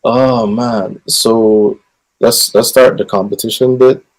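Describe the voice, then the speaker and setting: In a low-quality recording, a Guyanese man in his thirties, a gospel singer, talks about his life during a casual interview. His medium-pitched voice stays fairly even and slow as he rambles, packing his answers with fillers.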